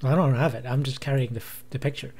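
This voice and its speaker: A man's voice: medium pitch, steady tone, a little mellow, a little hiss or hum. Laid back guy playing a tabletop game, trips over words, chill. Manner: easygoing, quick to laugh, stumbles over words. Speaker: player. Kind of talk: casual chat in a tabletop game.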